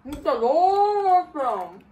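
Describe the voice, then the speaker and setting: Woman mukbang host, speaking through a mouthful, lively pitch, distant mic with faint background noise. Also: measured pace. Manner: relaxed and delighted, praising the food. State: mouth full. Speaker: mukbang vlogger. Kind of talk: casual chat while eating. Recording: roomy sound from a distant mic.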